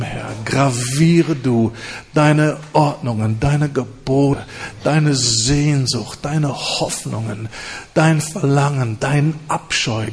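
Man, preacher, husky, slow, fervent prayer cadence, repetitive build. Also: medium pitch. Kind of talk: sermon and prayer.

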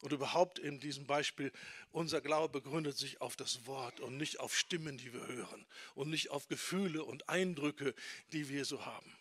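A man preaching a teaching sermon, emphatic, often checking in with listeners with a quick "Ja?". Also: mid-range voice, fairly bright tone, husky. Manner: emphatic, quotes people in acted asides. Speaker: preacher on discipleship.

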